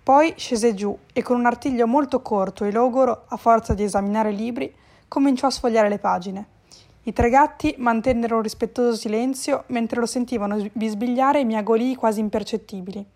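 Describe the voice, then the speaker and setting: Storybook narrator, woman, slightly high voice, even delivery. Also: brisk. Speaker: audiobook reader.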